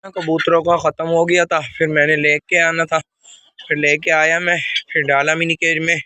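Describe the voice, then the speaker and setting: A man's voice: a little high, little pitch movement, moderate pace, sharp tone, no echo. A young man with a Pakistani Urdu accent, feeling feverish and unwell, rambling casually to viewers while feeding his birds in a vlog. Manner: plain, rambling talk to viewers. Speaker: vlogger keeping birds. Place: outdoor rooftop bird enclosure. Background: chickens and birds clucking.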